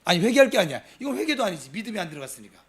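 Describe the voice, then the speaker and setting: A middle-aged man preaches in a high voice at a weekday prayer service. He pushes hard on key words, then drops into quiet asides. He talks straight to the congregation the whole time. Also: big pitch swings, racing, slightly rough. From Gimcheon, Gyeongsang province. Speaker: pastor. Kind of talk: sermon at a Wednesday prayer service.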